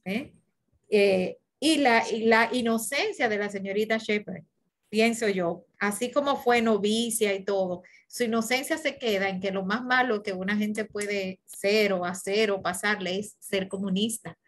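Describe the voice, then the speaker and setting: A woman joins a film forum discussion. She speaks in a relaxed, conversational way at a middle pitch and asks the group questions as she goes. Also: unhurried.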